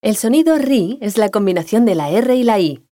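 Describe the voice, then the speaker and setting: A woman giving a scripted language lesson, explaining pronunciation clearly and calmly. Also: medium pitch, moderate pace, no echo, clean studio sound. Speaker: language teacher.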